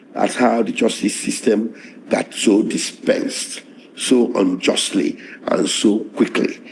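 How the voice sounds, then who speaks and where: A middle-aged lawyer with a hoarse, strained voice, recounting events in a measured, halting interview manner. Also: male voice, medium pitch, a little mellow, a little hiss or hum. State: hoarse, voice strained after tear gas.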